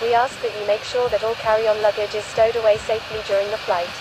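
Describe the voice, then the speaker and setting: Woman as a high-voiced, formal female flight attendant. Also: little pitch movement, noisy background, natural voice. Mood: formal, instructive. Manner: formal, measured flight attendant announcement delivery. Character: polite, orderly female flight attendant making cabin announcements. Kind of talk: scripted cabin safety announcement.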